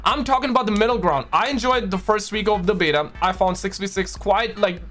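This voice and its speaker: Male gaming streamer, high voice, slangy emphatic reaction commentary, faint music underneath. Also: a little fast, fairly bright tone. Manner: slangy, emphatic, repeats phrases.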